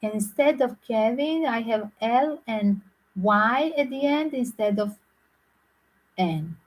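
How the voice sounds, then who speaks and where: A woman tarot reader talking to her viewers in a loose, rambling way, often filling pauses with "like". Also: on the high side, expressive, rough recording. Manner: rambling, frequent "like" fillers. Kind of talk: casual speculative monologue to viewers.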